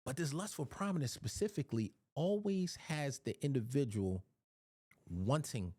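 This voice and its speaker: A man's voice: mid-range voice, expressive, normal speed, a little mellow, no room sound, studio quality. A man from Philadelphia giving a casual Bible teaching, often repeating words as he searches for his phrasing.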